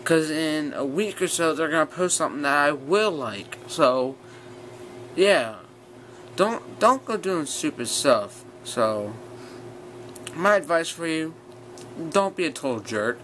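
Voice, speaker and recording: Here a teen-to-young-adult man vlogs from his bed in a small bedroom, his fairly high voice moving at a slow pace. He rants casually and bluntly to viewers, rambling, and his retainer slurs his speech a bit. The audio, from a built-in device mic at arm's length, includes a clear, steady fan and bedroom ambience.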